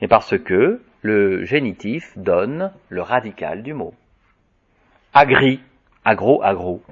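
A man's voice: fairly low pitch, lively intonation, slow pace, husky. A man teaching a Latin lesson, chanting the word forms aloud and explaining them between the chants. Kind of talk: lesson reciting declensions. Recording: dull lo-fi recording.

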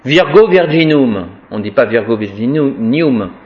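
A man teaches Latin grammar at an unhurried pace. He talks in a wry, chatty way and recites declension forms aloud as drills. The recording sounds dull and lo-fi. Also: medium pitch, lively intonation. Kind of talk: informal Latin grammar lesson.

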